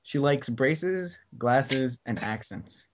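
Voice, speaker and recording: A young man co-hosting a casual podcast, making deadpan jokes, recorded on a dull lo-fi mic. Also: medium pitch, slow, slight background noise. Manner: deadpan joker. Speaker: podcast co-host. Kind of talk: casual chat.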